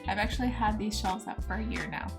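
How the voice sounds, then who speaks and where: A woman's voice: mid-range voice, fast. A woman in her thirties from Norway, reading a plain, matter-of-fact voice-over for her DIY video. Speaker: DIY vlogger. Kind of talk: scripted voice-over narration. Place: voice-over, not recorded on site. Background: guitar music.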